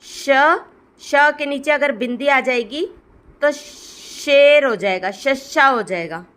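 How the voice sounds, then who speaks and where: A woman with a high, bright voice teaches the alphabet at a slow, careful pace. She calls out each letter name one by one, drawing the sounds out. In between she explains patiently to her viewers, calling them guys. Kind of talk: slow spoken alphabet lesson.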